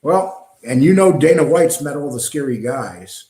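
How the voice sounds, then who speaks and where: A man's voice: mid-range voice, animated, moderate pace, mellow. A middle-aged man from New hosts a casual live stream, rambling and reading chat with frequent ums and uhs. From New York. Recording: echoey room.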